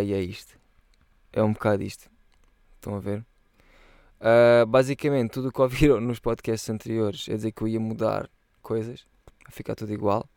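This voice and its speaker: A man's voice: mid-range voice, darkish tone, smooth, no room sound, clean studio sound. A young man chatting casually on a solo podcast, rambling in loose slang and swearing freely. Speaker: podcast host.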